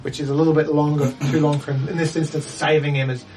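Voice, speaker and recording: A man with a New Zealand accent who narrates as game master in a quick, rambling way with many restarts. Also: a little high, flat delivery, far from the mic, very noisy.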